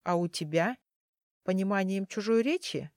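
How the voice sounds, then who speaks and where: A woman's voice: mid-range voice, animated, normal speed, darkish tone, no room sound, natural voice. A woman voicing a nervous but feisty young female heroine, speaking close to her own reading voice. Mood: offended. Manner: startled, then defiant.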